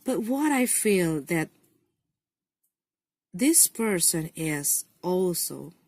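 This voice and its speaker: A woman's voice: on the low side, big pitch swings, extremely slow, darkish tone, no room sound. A woman giving a casual tarot reading to her viewers, encouraging, repeating phrases and often saying "you know". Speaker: tarot card reader.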